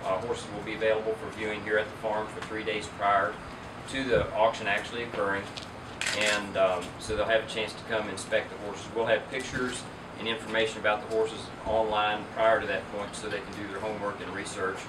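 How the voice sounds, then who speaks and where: A man's voice: on the low side, a little fast. A middle-aged man, an auction company owner, giving a businesslike statement at an indoor press event, picked up from a distance. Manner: businesslike, steady explaining. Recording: roomy, distant, loud air-conditioning hum.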